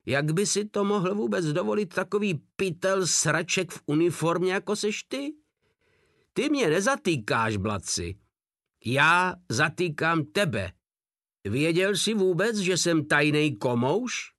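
A man's voice: sits high, animated, a bit bright, dry recording, clean studio sound, voice pushed up. A man voicing a huge, crude soldier who mocks and threatens coldly, read as an audiobook. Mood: sneering. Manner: coldly mocking, foul-mouthed.

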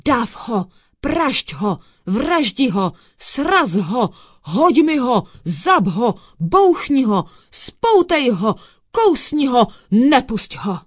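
A woman voicing an eager, loud male royal dog in a children's storybook, shouting in barking bursts. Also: on the low side, very animated, slightly rough, no room sound, clean studio sound. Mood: fierce yelling.

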